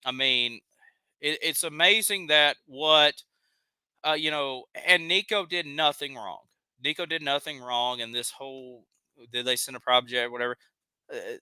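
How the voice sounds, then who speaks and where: Bright-voiced Southern man ranting on stream. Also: fairly high pitch, smooth, dry recording. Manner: heated, reads chat comments aloud. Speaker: live show host. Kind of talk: ranting live stream commentary.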